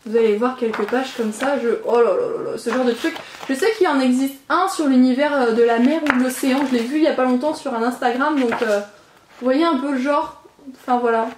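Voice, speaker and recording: A woman book vlogger with a high-sitting voice chats casually and a little fast as she unboxes new books, gushing, giggling and poking fun at herself. The room is echoey, with background noise.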